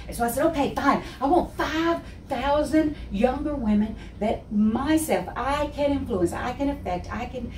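On a set made up as a wood-panelled office with armchairs, a Texan woman in her sixties tells her faith story as a guest speaker, her accent heavy and her pitch fairly high. Big gestures and frequent laughter mark the animated testimony, and the audio is roomy, distant and faintly hissy.

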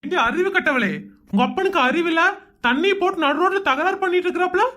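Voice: very high-pitched, bright, forceful tone. A voice actor doing an exasperated sarcastic husband. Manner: grumbling, sarcastic, quick complaints. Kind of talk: Tamil cartoon voice acting.

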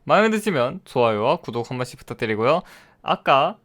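With a brisk, sing-song delivery and a fairly bright mid-range voice, a young man jokes his way through reviewing a game mod while playing it. He chats away, laughs a lot, and frequently addresses the game characters.

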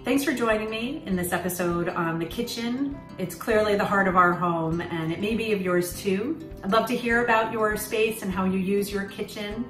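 A woman in her thirties hosting a home vlog, talking to camera in a relaxed, chatty way with lots of "you know" fillers, recorded in her kitchen on a phone or webcam at arm's length. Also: medium pitch, moderate pace, hardly any pauses, soft background music, low-quality recording. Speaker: host. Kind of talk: casual talk to camera.

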